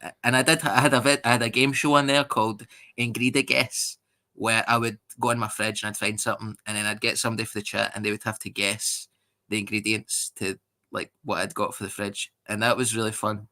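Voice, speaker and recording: Bright-voiced Scottish man telling stories. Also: fairly low pitch, brisk. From Scotland. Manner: animated storyteller, swears, acts out voices. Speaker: stand-up comedian guest. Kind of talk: casual podcast interview.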